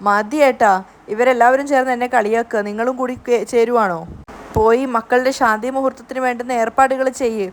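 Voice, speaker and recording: A woman's voice: a little high, steady tone, close to an everyday voice. A woman reading a shy embarrassed wife. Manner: shy, hurried.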